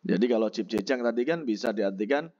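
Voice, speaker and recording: A man teaching a textbook vocabulary lesson, slowly explaining and repeating each word and its pronunciation. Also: lowish voice, expressive, darkish tone, lo-fi sound. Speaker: Korean language teacher.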